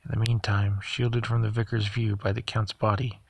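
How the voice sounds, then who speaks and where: A man narrating a novel aloud at a steady pace, sometimes stumbling over a word and correcting himself. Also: lowish voice, normal speed, creaky, noisy background. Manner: steady reading with occasional stumbles and self-corrections. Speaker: audiobook reader. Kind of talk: audiobook narration.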